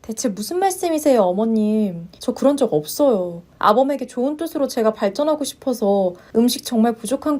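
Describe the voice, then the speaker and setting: A woman voicing a polite, long-suffering young wife who speaks in a measured way and turns firm under pressure. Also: fairly high pitch, mellow. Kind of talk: story narration with voiced roles.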